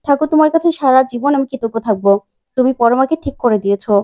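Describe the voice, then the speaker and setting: A woman voicing a calm, earnest young man. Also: high voice, quick pace, highs cut off, close to an everyday voice.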